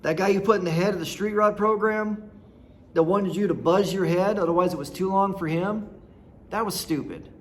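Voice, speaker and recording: A man in his thirties from rural Nebraska hosts as a storyteller, sharing personal stories in a blunt, folksy, rambling way. His voice is high and his pace moderate, with a little hiss or hum in the audio.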